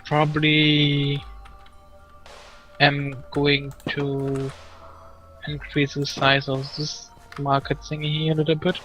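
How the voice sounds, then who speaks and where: A man chatting while playing a game, hesitant and pausing on many fillers as he lists things. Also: fairly high pitch, completely flat delivery, sharp tone, faint music behind, rough recording. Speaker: co-player. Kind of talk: casual chat while gaming.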